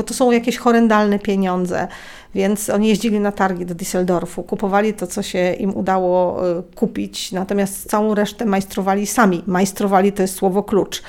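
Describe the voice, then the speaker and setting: A woman's voice: mid-range voice, gravelly, a little mellow. A woman guest in an interview, telling stories animatedly with many hesitant fillers. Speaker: interview guest, researcher of a hotel's history. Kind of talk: casual interview.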